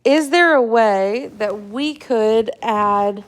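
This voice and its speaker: Speaking slowly in a higher-than-average voice, a young female chemistry instructor records a relaxed lecture over slides. She's a little weary, yawns, and leans on fillers and checks such as "right?".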